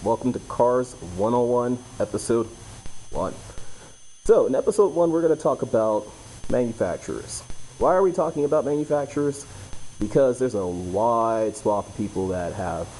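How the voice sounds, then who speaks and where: A man's voice: mid-range voice, lively intonation, normal speed, dark tone, a little hiss or hum, poor audio. A man hosting his own channel, explaining a topic in loose, blunt casual talk full of fillers and "okay?" tags. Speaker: YouTube host.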